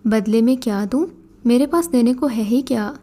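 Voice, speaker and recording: A desperate, luckless young man, pleading and confused, read by a woman storyteller. The tone is mellow and pitched fairly high. It plays like a storybook scene. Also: lightly acted.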